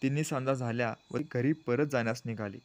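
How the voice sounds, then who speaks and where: A man narrating a storybook audiobook in a steady storytelling manner, sometimes lifting his voice for quoted pleas. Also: mid-range voice, a little fast, no echo.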